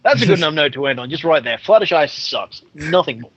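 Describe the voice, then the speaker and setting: Blunt cynical podcaster. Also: male voice, on the high side, racing, a bit bright, slightly rough, no echo, lo-fi sound. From Australia. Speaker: podcast co-host. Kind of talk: casual banter.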